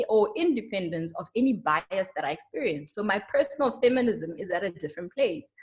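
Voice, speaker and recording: A young South African woman with a South African accent, a marketer giving an earnest, emphatic webinar presentation with frequent ums. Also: mid-range voice. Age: young adult.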